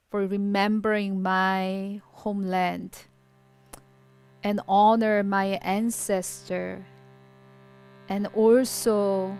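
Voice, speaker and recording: A woman with a Korean accent speaks slowly and evenly, her voice smooth and dry, with a faint guitar behind her. She sounds measured and reverent as she introduces a song. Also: medium pitch, darkish tone. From South Korea. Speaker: guest artist. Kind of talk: spoken introduction before a song.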